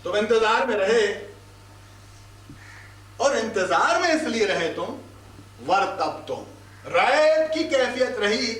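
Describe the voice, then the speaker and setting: A man's voice: very high-pitched, fairly bright tone. A man with a Pakistani Urdu accent teaching Quran commentary, reciting verses and then explaining them with scolding rhetorical questions. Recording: echoey hall, distant mic, faint hiss.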